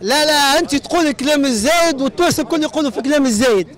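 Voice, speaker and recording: A man's voice: very high voice, racing. A man with a Tunisian accent arguing politics in a heated street debate, repeating himself and cutting the others off. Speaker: interviewee. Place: outdoors in a city street.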